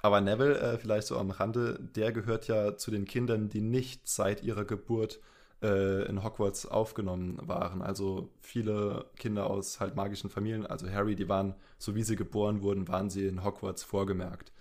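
A man's voice: on the low side, flat delivery, moderate pace, darkish tone. A man hosting a podcast in casual chat, explaining things at length with fillers. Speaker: podcast host.

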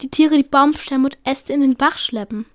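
A woman's voice: sits high, normal speed, no room sound, studio quality, natural voice. A woman voicing an earnest, insistent young female apprentice cat, read aloud from a storybook with small slips.

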